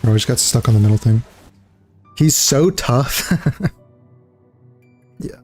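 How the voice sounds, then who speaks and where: A man's voice: medium pitch, animated, a little slow, darkish tone, husky, soft background music. A young man streaming a game and chatting casually, rambling with lots of fillers and calling people dude and bro. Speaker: livestreamer. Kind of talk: casual gaming chat.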